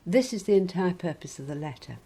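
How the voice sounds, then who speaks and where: A woman preaching a sermon in a measured, gently wry reflective way. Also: lowish voice, animated, husky, low-quality recording.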